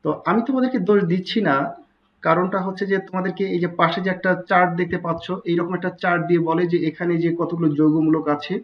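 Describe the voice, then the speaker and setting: A man's voice: high-pitched, steady tone, fast talker, lo-fi sound. A man teaching a recorded chemistry tutorial, explaining step by step and repeating key terms. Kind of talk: recorded online tutorial lecture.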